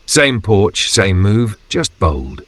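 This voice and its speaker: Low-voiced man, wry casual clip narration. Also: very animated, takes it slowly, fairly bright tone, no room sound. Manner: slangy, wry, punchy short phrases. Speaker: video narrator. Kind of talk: casual scripted commentary on video clips.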